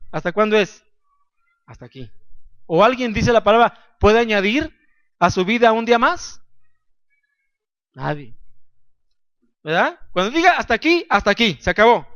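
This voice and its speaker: A man's voice: high-pitched, a bit bright, clean tone, dry recording, dull audio. A man preaching a sermon as pastor, emphatic and posing questions to the congregation.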